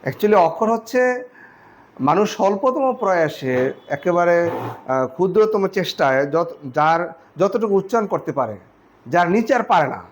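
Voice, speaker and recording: A man gives a grammar lesson in a fairly high voice. He explains step by step and breaks words into syllables, counting them out slowly for his students. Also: animated, a little hiss or hum. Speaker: teacher.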